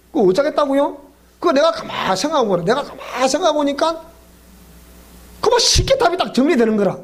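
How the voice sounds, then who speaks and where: A male pastor with a Gyeongsang accent, preaching in a joking way, quizzing the congregation and laughing often. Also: very high-pitched. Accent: Gyeongsang Korean. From South Gyeongsang, Korea. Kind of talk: sermon at a weeknight Bible school. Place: church.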